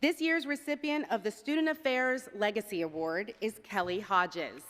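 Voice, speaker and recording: A woman's voice: mid-range voice, moderate pace, a bit bright, faint music behind. Woman announcing at a podium, big hall reverb. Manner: formal announcer delivery. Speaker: ceremony host. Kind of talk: formal scripted podium speech, announcing awards. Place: large event hall on stage.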